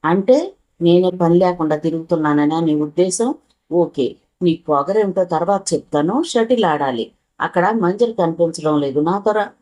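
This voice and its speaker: A woman's voice: lowish voice, moderate pace, warm tone, natural voice. A woman voicing a spoiled, imperious young woman who scolds and orders the driver around. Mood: bossy. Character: bossy spoiled young woman, house owner's sister.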